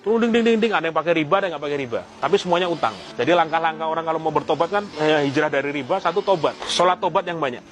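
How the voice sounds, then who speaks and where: A man, telling his own story of debt and repentance in an animated, storytelling way. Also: on the high side. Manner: animated storytelling, slips into Javanese phrases. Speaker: speaker sharing his story of quitting usury. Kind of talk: personal testimony talk.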